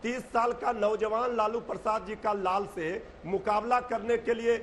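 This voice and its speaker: Man, very high voice, combative debater, faint hiss behind. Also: level tone, normal speed. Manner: combative, pleading then shouting over others. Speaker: party spokesperson. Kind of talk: heated TV debate.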